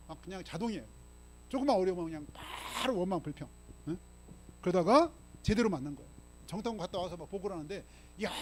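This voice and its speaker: A man's voice: high voice, darkish tone. A male pastor preaching a sermon, prodding the congregation with frequent questions and reading scripture aloud with force. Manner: emphatic preaching, frequent rhetorical "응?" and "예?" prompts to the congregation. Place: church sanctuary.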